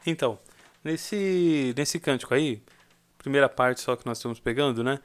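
A man's voice: medium pitch, normal speed, over music. A young Brazilian man giving a casual singing lesson, explaining and singing short demo phrases. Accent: Brazilian Portuguese. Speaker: singing teacher.

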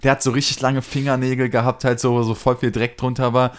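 A man's voice: medium pitch, little pitch movement, quick pace, clean tone. Slangy young man telling a story. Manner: rambling, slangy, lots of fillers. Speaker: podcast co-host. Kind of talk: casual storytelling.

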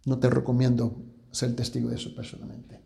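A pastor with a dark, gravelly voice tells a testimony from the pulpit. He is a man who often sinks into a hushed tone at grave moments. His voice rings in an echoey room. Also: mid-range voice, completely flat delivery, brisk. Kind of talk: preaching a testimony story.

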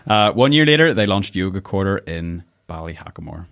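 A man's voice: sits low, expressive, a little fast, a bit bright. A man with a Northern Irish accent hosting a casual interview, chatty and jokey, often laughing. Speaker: podcast host.

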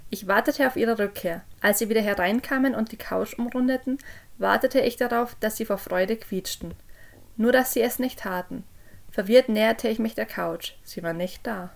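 A woman narrating a creepy first-person story for a podcast, dropping low and quiet on the eerie moments. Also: moderate pace, creaky. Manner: drops low and quiet on eerie lines, raises voice for called-out quotes. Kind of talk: scripted horror story narration.

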